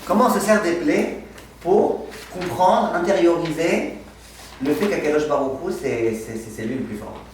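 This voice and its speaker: A man teaching a lively, humorous class as a rabbi, asking the students questions and answering them himself as he tells anecdotes. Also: fairly high pitch, normal speed, a little hiss or hum. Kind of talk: lively Torah lesson with humor. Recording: echoey room, mic far off.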